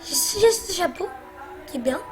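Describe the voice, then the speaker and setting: High-voiced chatty woman gamer. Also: expressive, moderate pace, soft background music. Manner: chatty, bossy teasing. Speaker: let's play host. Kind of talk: casual gameplay commentary.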